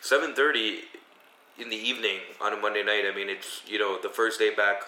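A young man on a casual podcast, speaking reflectively with halting restarts. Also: lowish voice, pushed and bright, reverberant, rough recording. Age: young adult. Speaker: podcast co-host, DJ. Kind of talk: casual group chat.

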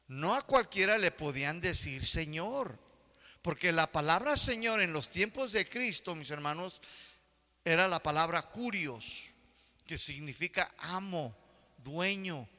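An older man preaches a sermon as a pastor, his high-pitched voice pushed and bright, with a long reverb tail. He frequently checks that the congregation is following and asks them for agreement.

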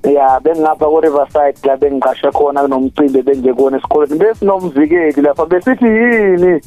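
A man's voice: a little high, quick pace, dark tone, dry recording, poor audio. A man with a Zulu accent chatting casually as a radio guest, slangy and repeating his words. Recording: dry voice with music behind. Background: music.

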